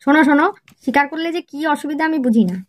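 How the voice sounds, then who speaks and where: A woman's voice: high-pitched, very fast. A woman narrating a comic family skit and playing a nagging, exasperated wife. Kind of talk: comic storytelling with acted dialogue.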